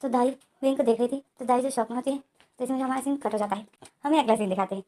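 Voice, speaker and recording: Woman narrator, fast story recap, slightly high voice, quotes characters' lines in her own voice. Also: steady tone, dark tone. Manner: retells scenes, quoting each character's lines in her own voice.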